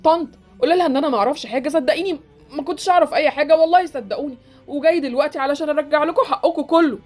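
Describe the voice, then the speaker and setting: A woman's voice: sits high, rapid-fire, darkish tone, soft background music, natural voice. A woman playing an earnest young Egyptian man. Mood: pleading. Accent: Egyptian Arabic. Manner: pleading, earnest. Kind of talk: Roblox voiced drama.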